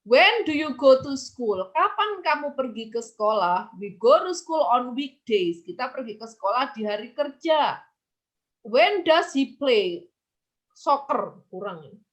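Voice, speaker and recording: A woman's voice: fairly high pitch, a bit bright. A woman teacher giving an online English lesson, asking and answering imagined student questions herself.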